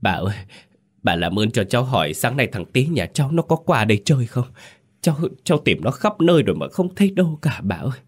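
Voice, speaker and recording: A man's voice: medium pitch, very animated, a little fast, husky, pitched above the performer's own voice. A man reading a ghost story voices a young village mother crying out for her missing son, sobbing and wailing. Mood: pleading.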